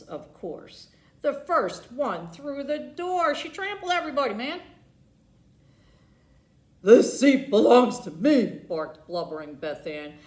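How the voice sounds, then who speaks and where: This library storytime reader has a medium-pitched, creaky voice that comes out pushed and bright. Performing a children's picture book theatrically, she stresses the vivid alliterative words, and the recording has an echoing, spacious quality.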